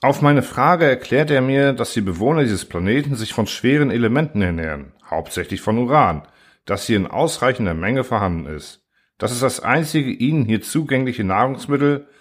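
A man reading a first-person science fiction story aloud in a calm, even storytelling manner. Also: on the low side. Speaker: audiobook narrator.

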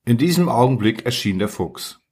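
A man narrating an audiobook with calm storytelling. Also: medium pitch, moderate pace, husky. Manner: calm storytelling with lively intonation. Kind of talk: audiobook reading.

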